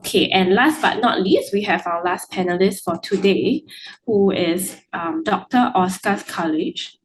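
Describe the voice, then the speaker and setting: A woman's voice: medium pitch, a little slow, rough recording. A woman moderating a webinar, reading formal introductions and tripping over names.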